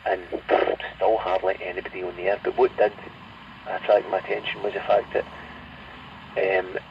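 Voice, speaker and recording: Heard faintly over a car's CB radio, this Glasgow-accented operator rambles conversationally at a normal speed. His low voice carries vocal fry and a flat delivery, and the transmission comes through muffled and noisy.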